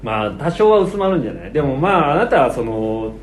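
A man's voice: mid-range voice, big pitch swings, fast, reverberant, a little hiss or hum. A man with a Kansai accent, teasing and insisting in casual comedy-duo banter. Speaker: comedian co-host.

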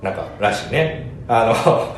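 A young man with a Kansai Japanese accent, chatting casually on a podcast with lively, joking banter and frequent laughs. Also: medium pitch, measured pace. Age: young adult. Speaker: podcast co-host, comedian. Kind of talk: casual chat. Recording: very echoey room.

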